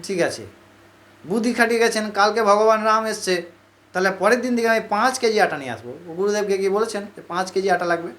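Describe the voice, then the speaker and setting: A male religious storyteller tells a devotional story in a conversational sermon style, repeating phrases for emphasis and voicing the characters himself. His voice sits high and is a bit bright, and he talks fast.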